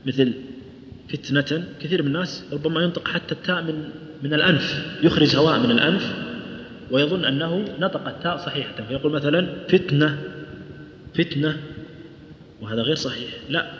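A man's voice: a little high, fast, fairly bright tone, slight background noise. A man teaching a tajweed lesson to students, explaining patiently, modelling recitation and asking them questions. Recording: roomy lo-fi hall recording.

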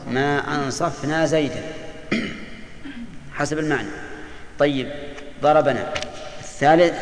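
Guy teaching grammar, slightly high voice, echoey hall, keeps quizzing the class. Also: a little hiss or hum. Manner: asks students quick check questions; repeats key terms slowly. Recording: echoey hall with long reverb.

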